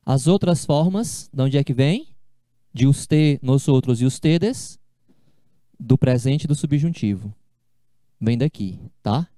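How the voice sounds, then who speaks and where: Man, Portuguese-speaking teacher, slow and deliberate, warm mellow tone, dry close sound. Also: medium pitch, expressive, no room sound. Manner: slow, repetitive explaining with casual asides. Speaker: Spanish teacher. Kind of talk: online class lecture.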